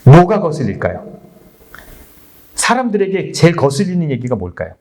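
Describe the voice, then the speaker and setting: A man's voice: fairly high pitch, wildly swooping pitch, moderate pace, a little mellow. A male pastor giving a conversational sermon, asking the congregation many rhetorical questions and acting out blunt crowd voices. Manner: acts out crowd voices in blunt, coarse speech. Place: church service.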